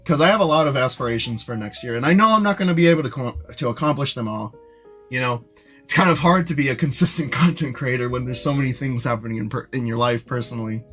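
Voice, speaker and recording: A man's voice: medium pitch, fast, faint music behind. Rambling young male streamer, casual chat. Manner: rambling, self-described monotone, many fillers and restarts. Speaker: streamer and animator.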